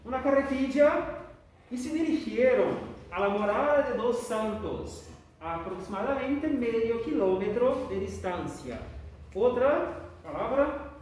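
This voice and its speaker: A woman gives a classroom lesson in a fairly high, a little mellow voice with lively intonation and a measured pace. She explains patiently and regularly checks in with the students. Her voice echoes in the room, picked up by a distant mic with faint noise.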